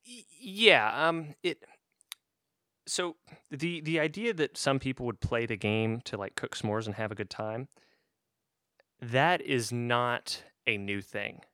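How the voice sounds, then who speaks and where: A man's voice: medium pitch, animated, slow, sharp tone, dry recording, studio quality. A man co-hosting a podcast, explaining at an easy pace with lots of ums and restarts. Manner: easygoing, explains at length with fillers and restarts. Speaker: podcast co-host. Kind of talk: casual gaming chat.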